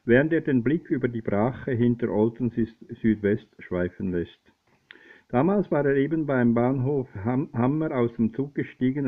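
A man reads a newspaper feature aloud in a steady, plain voice at a middle pitch. He trips on words and restarts now and then. The sound is thin and phone-like. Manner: steady reading with frequent slips and restarts. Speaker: reader of a news feature. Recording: tinny phone-like lo-fi recording.

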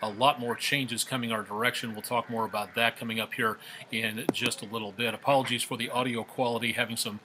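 A male TV meteorologist doing a live weather forecast, ad-libbing loosely and repeating himself, his voice coming through a faulty mic on a low-quality stream. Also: flat delivery, a little fast, noisy background. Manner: loose, repetitive, filler-heavy ad-libbing. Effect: low-quality stream audio from a faulty microphone.

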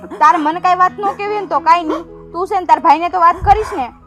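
A woman plays a nagging village sister-in-law who scolds and chides. Her voice is very high. Soft music sits behind. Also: fast. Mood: chiding. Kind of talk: village family drama acting.

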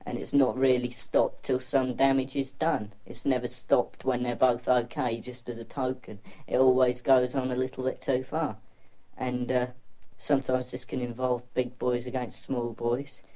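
Teenage boy, electronically disguised voice, dark muffled tone, quiet hesitant testimony. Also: mid-range voice. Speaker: anonymous pupil. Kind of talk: interview testimony.

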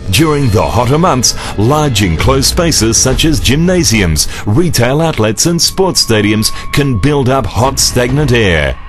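A middle-aged man giving a scripted commercial voice-over in a smooth, persuasive manner. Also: medium pitch. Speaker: voice-over narrator. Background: music.

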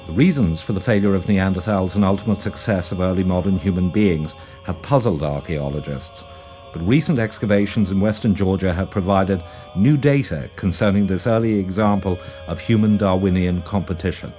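A man narrates a documentary in a low, mellow voice. His scripted delivery is measured and formal, with music faintly underneath.

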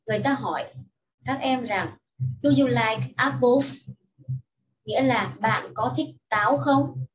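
Female primary teacher, slow and patient, slightly distant dull recording. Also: a little high. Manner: patient, explains each sentence in Vietnamese after English. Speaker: primary school English teacher. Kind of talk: slow, careful lesson for young children.

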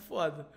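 Young male streamer, Rio accent, extremely high-pitched, slow comic commentary broken by hysterical laughing fits. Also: vocal fry. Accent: Rio de Janeiro Brazilian. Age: young adult. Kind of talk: casual comic reaction commentary. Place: small indoor home room. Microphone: desk microphone with headset.

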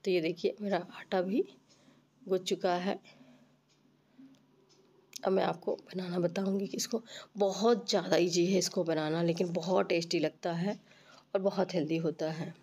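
Female cooking host, lowish pitch, congested and slightly rough from a cold, instructing informally. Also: fairly even intonation, measured pace, long pauses, darkish tone. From Uttar Pradesh, India. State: stuffy nose and rough voice from a cold. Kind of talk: recipe tutorial narration.

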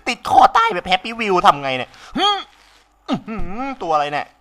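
A young man with a sore throat giving casual, excitable let's-play commentary, swearing freely and laughing often. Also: sits high, unhurried. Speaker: game commentator.

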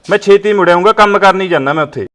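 An actor playing a young Punjabi man who quickly soothes his crying mother and grandmother before going abroad, with music under the dialogue. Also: high-pitched, fairly bright tone. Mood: reassuring.

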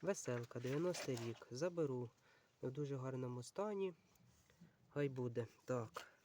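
A book channel vlogger with a dark-toned, medium-pitched voice and moderate pace casually goes through a stack of books, with slight background noise. He talks without rushing, thinking aloud, peppering his speech with fillers, and addressing viewers as friends.

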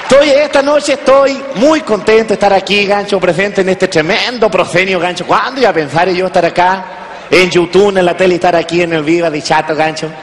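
A man's voice: high-pitched, a little fast, some chatter behind. A man playing a folksy old rural Chilean grandfather, rambling on stage with a Chilean country accent and a pet word in every line. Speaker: comedian. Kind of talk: stand-up character comedy. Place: large stage before an audience. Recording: long hall reverb.

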